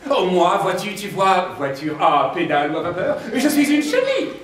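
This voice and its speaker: A woman's voice: fairly low pitch, big pitch swings, moderate pace, a crowd in the background. A woman voicing a cheeky female caterpillar with a boyish voice, slangy and teasing. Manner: slangy, teasing, giggly, repeats words. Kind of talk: stage play acting. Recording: very echoey hall.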